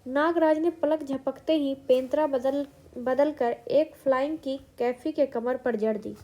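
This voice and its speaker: A woman's voice: sits high, fairly even intonation, unhurried, dark tone. A woman steadily reading a comic book aloud as the storyteller.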